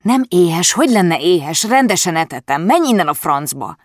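A narrator voicing a strict, quick-tempered young woman in an audiobook, speaking sharply and commandingly. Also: mid-range voice, sing-song, dry recording, clean studio sound, voice pushed up. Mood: angry.

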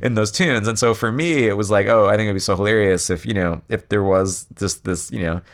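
A man's voice: lowish voice, fairly quick. A man talking casually in an interview about writing a song, rambling with many fillers and restarts. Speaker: songwriter guest.

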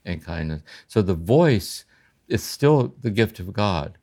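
Older guy with a really low voice, thinking out loud about faith, slow and reflective. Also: animated, vocal fry. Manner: slow, contemplative, often ends with "See?". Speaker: podcast host and spiritual teacher. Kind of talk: reflective spiritual conversation.

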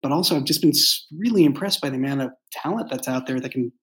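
The audio drama's writer and creator, a man, talks fast in a medium-pitched, fairly bright voice. In this casual behind-the-scenes chat he wanders through his thoughts, hesitating and musing as he goes.

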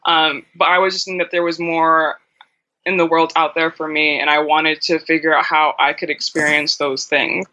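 A woman with a bright, forceful voice chats as an interview guest. She tells her stories with energy and acts out what others said. The sound is a little muffled and lo-fi. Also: sits low, moderate pace, slight background noise. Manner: animated storyteller, acts out quoted dialogue. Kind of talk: casual interview conversation. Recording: dull lo-fi sound.

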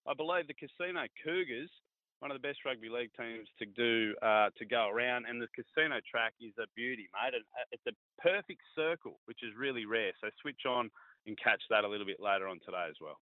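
A man with an Australian accent and a brisk, mid-range voice chats about sport on radio as a pundit and former player, blokey, laid-back and matey with plenty of slang. There's no echo, but the phone line sounds tinny.

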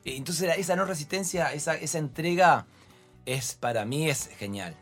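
A man with an Argentine accent, a fashion photographer being interviewed, telling lively anecdotes and acting out voices. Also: fairly high pitch, normal speed, faint music behind. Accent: Argentine Spanish. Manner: expressive storyteller, acts out voices. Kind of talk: animated anecdotal chat.

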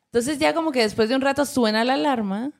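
A Mexican woman hosting a podcast, telling a supernatural story in a casual, slangy, lively way. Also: high voice, quick pace, vocal fry. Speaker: podcast host.

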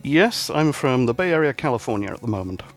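Soft background music plays behind this casual interview chat, where a mid-range, fairly quick-speaking man appears as a podcast guest from his home office. Born in Northern Ireland and raised in England, he is relaxed and easygoing, giving long explanations sprinkled with fillers.

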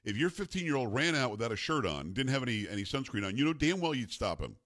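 A man's voice: mid-range voice, big pitch swings, fast talker, fairly bright tone, dry recording, studio quality. A man in his fifties hosting a talk radio show, teasing his co-host and then giving blunt opinions in casual banter. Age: 50s.

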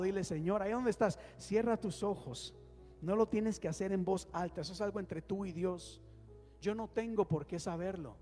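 In a church hall thick with long reverb and faint music, a man preaches a sermon in a warm, high-sitting voice. As pastor, he urges the congregation to respond and leads them in prayer.

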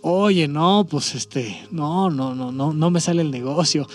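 A man's voice: fairly high pitch, a little slow, faint music behind, lightly acted. A man with a Mexican accent voicing a poor carpenter who hesitates and stammers humbly, in a spoken story. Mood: hesitant. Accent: Mexican Spanish.

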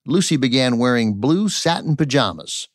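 A man's voice: medium pitch, lively intonation, normal speed, no room sound, studio quality. A man hosting and narrating a scripted audio documentary. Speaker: podcast host and narrator. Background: faint music.

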